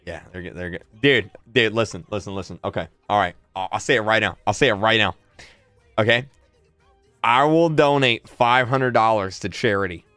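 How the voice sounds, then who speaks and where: A man in his twenties hosting a casual livestream, excitable and quick to laugh, repeating words as he reacts. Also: on the low side, dry recording, soft background music. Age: 20s. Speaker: livestream host.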